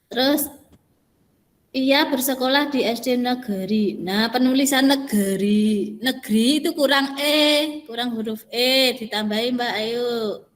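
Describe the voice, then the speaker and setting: A woman's voice: fairly high pitch, measured pace, in a large hall. A woman teacher patiently explaining pronunciation and intonation step by step during an online class, modelling examples as she goes. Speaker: Indonesian language teacher.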